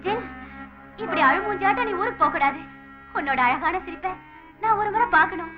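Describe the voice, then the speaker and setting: A woman's voice: very high voice, expressive, fairly quick, music in the background. Give me an affectionate, coaxing mother, recorded on muffled film audio. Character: doting foster mother sending her son off. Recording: dull lo-fi film audio with score.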